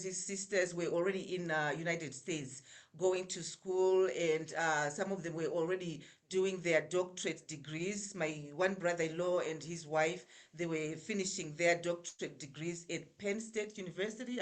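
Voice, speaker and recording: Zimbabwean woman chatting warmly. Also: on the low side, fairly even intonation, moderate pace. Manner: chatty, with many fillers and restarts. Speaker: guest. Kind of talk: casual interview.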